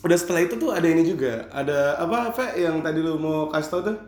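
A man's voice: a little high, lively intonation, quick pace, darkish tone. A young man with a Jakarta Indonesian accent, hosting a casual, slangy group chat. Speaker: podcast host. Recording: echoey untreated room.

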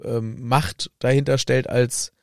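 A man's voice: slow, gravelly, clear, resonant tone, no echo, clean studio sound. Chatty man co-hosting a book podcast. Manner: animated, jumps into high mock voices for characters. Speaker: podcast co-host. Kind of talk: casual podcast chat about a book.

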